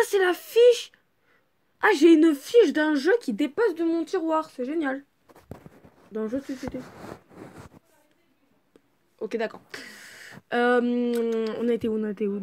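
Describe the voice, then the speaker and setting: Excitable French woman reading aloud, higher voice. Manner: excitable, swears freely, breaks off to joke and shout. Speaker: reader of a fan fiction. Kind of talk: casual reading aloud with chatty commentary.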